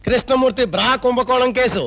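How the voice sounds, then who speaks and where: A sarcastic scolding uncle. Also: male voice, very high-pitched, fairly even intonation, fast talker, creaky. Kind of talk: film comedy scene.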